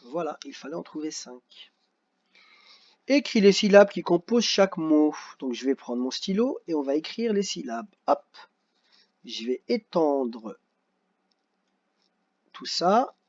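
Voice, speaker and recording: Patient guy teacher going over a kids' worksheet, slightly high voice, kinda muffled audio. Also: very animated, a little mellow. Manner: slow, patient, sounding out syllables. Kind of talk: correcting a worksheet for children.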